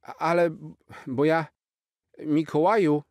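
A man voicing an eager, hopeful little boy in a children's storybook, with a high childlike pleading voice. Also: fairly even intonation, takes it slowly, darkish tone, no echo. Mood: shy. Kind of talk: storybook character voice.

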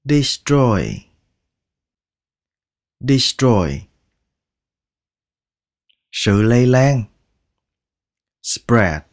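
A man teaching English pronunciation, repeating each word slowly and drawing out its sounds, patient and coaxing. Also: medium pitch, expressive. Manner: patient, coaxing, ends phrases with soft particles. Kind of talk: slow pronunciation lesson.

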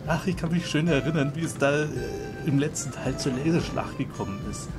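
A man's voice: on the high side, a little fast. A man giving casual, chatty commentary on a video game, laughing along. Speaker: let's play host. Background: game music.

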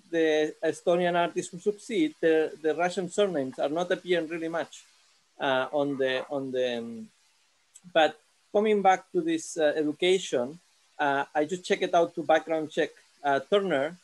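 A man in his thirties with a Catalan accent talks through a video call from his living room sofa. His voice sits fairly high, and he speaks haltingly, restarting his phrases as he searches for words. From Catalonia, Spain. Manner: halting, many restarts and fillers. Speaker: seminar participant, visual artist. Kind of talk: casual question in an online seminar. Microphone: laptop camera on a video call.

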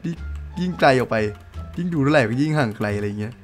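Young male host, casual let's-play banter, rapid delivery, light music bed. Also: mid-range voice, expressive. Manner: joking, swearing, teasing friends. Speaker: gaming channel host.

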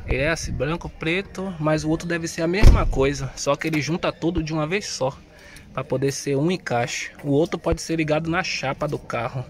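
Filmed on a phone inside a car, a man with a Brazilian Portuguese accent narrates a hands-on DIY job, installing a sound system and working on the wiring. His voice is on the high side and a little fast, he chats slangily and thinks aloud, and there's a little hiss or hum.

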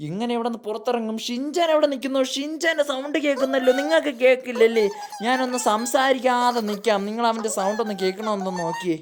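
A woman's voice: on the high side, fast talker, noisy background. A woman giving dramatic, exclaiming gameplay commentary in character, constantly talking to her viewers. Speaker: gaming YouTuber.

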